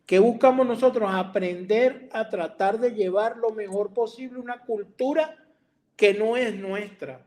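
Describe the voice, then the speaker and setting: A Venezuelan man hosting a live-stream discussion, answering in a reflective, measured way. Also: high voice, a little mellow. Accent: Venezuelan Spanish.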